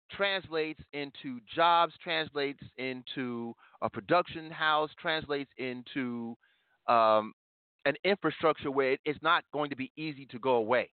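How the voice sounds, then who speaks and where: A man's voice: a little high, no room sound. A man giving impassioned, rambling podcast commentary with frequent restarts, heard over a call-in phone line. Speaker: podcast co-host. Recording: tinny phone-line sound, dry.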